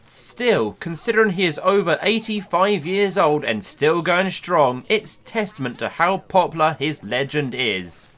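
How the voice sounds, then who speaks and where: A man hosting a video, reading a scripted countdown narration in a playful, lively way. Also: fairly high pitch, unhurried, hardly any pauses. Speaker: YouTube host.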